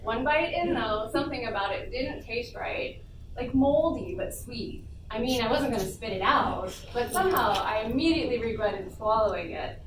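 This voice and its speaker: Lively intonation and a fairly high pitch at normal speed mark this woman, a panelist and writer reading her own comic story with casual, playful amusement. She is before a small audience in a convention panel room, recorded from a distance in a noisy, echoey setting.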